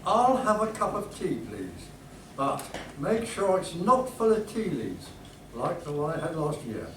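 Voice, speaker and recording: A fussy, evasive male passenger, played by a man in a pantomime. He explains himself indignantly in a high stage voice. The recording is distant and noisy, with clear hall echo. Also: sing-song, a little slow. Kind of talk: amateur comic pantomime stage acting. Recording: echoey hall from far off, background noise.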